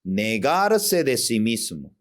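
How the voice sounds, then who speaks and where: Give me a slow, animated preaching pastor, a man. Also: mid-range voice. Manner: acts out short quoted voices of mothers and children, slow emphatic delivery; non-native Spanish with broken grammar. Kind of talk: sermon.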